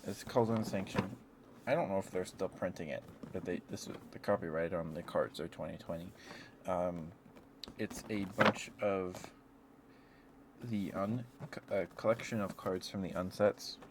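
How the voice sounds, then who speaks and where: A man with a very low voice chats casually with viewers on a rambling ASMR livestream, speaking at normal speed. He meanders, hesitates and often sounds apologetic, with clear noise audible behind him.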